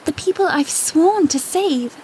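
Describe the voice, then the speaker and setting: A woman's voice: very high-pitched, lively intonation, unhurried, a little hiss or hum, low-quality recording. A woman playing an anguished young princess torn between duty and love, pleading earnestly in an audio drama. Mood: troubled, resisting. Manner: pleading, earnest, breathy hushed delivery.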